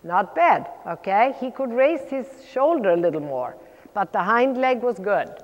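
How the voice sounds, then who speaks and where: A woman works as a riding instructor, calling brisk, projected commands to her pupil. She switches between short encouragement and blunt correction at a middling pitch. Her voice rings with the long reverb of a large hall. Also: sing-song, dull audio.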